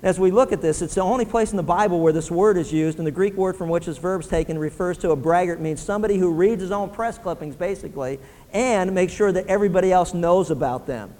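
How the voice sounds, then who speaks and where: A man delivers a sermon with a fairly high voice that rings out through a long hall reverb. He talks to the congregation casually, dropping softly for prayer and lifting for emphasis. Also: quick pace. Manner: conversational preaching, shifting between soft prayerful tones and emphatic points. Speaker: pastor.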